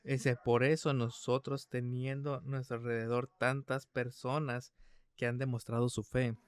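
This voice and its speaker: Older man preaching, smooth dry voice. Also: medium pitch, little pitch movement, moderate pace, no echo. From United States. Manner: emphatic with frequent restarts and fillers. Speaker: sermon translator. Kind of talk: translated sermon.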